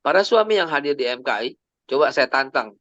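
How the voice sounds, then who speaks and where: A man's voice: fairly high pitch, lively intonation, brisk, fairly bright tone, dry recording. A man, telling personal stories in a chatty family sermon and sprinkling in English phrases. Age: 50s. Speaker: Islamic preacher. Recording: dry, slightly dull lo-fi recording.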